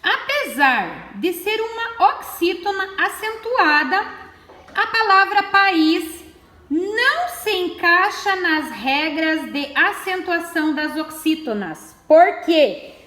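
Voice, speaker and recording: A woman teaches slowly and patiently, reading exercises aloud. Her voice sits high and swings widely in pitch, and the room around her is echoey. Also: expressive, bright, forceful tone. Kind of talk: classroom lesson explanation.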